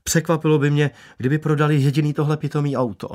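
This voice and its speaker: A man's voice: fairly high pitch, little pitch movement, a little mellow, voice pushed up, natural voice. A man voicing a blunt, coarse small-town barber in an audiobook, crude and outspoken. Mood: scornful. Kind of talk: audiobook character voice.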